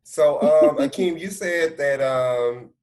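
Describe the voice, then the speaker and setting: A man's voice: a little high, slow pace, a little mellow. A man in his thirties co-hosting a podcast, chatting casually and laughing easily, from home on a video call. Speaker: podcast co-host. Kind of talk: casual conversational interview. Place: indoors at home.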